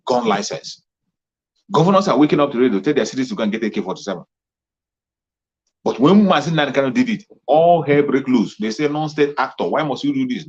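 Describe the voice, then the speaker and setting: A fervent man speaks in a husky, slightly rough voice at a middling pitch, pressing his points again and again like a rallying commentator. The sound is muffled and lo-fi, with the top end dulled. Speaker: political commentator. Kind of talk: impassioned political monologue. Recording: muffled lo-fi recording.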